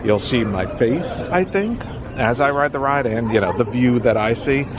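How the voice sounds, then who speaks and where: A man's voice: medium pitch, animated, normal speed. A man hosting a theme park vlog, talking casually to his viewers outdoors. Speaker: theme park vlogger and channel host. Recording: noisy outdoor amusement park ambience.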